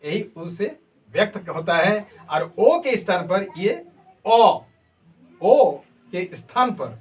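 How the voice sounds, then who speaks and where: Slow high-voiced man teaching script. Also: big pitch swings, fairly bright tone. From Jharkhand, India. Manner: slow, repeats sounds to demonstrate them. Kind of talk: explanatory lesson. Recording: voice from a distance.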